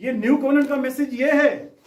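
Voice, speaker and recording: In a big church hall, a pastor with a very high-pitched, steady voice preaches fairly quickly, in bursts, prompting the congregation to repeat his words back. The recording is echoey, with the mic far off and the crowd audible.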